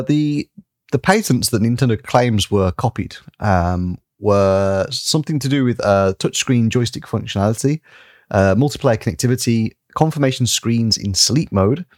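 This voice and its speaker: A man with a lowish voice chatting casually as a podcast co-host, rambling through his points with plenty of fillers and easy laughs. He swears now and then. The sound is dry and close. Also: dry recording. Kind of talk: casual chat.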